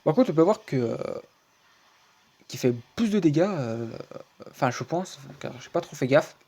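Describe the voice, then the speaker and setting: A man's voice: on the high side, lively intonation, normal speed, mellow. A man hosting his own gaming channel, chatting through a recorded match in casual, rambling commentary full of fillers, restarts and repeated stock phrases. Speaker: video game channel host. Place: home screen recording, voice-over.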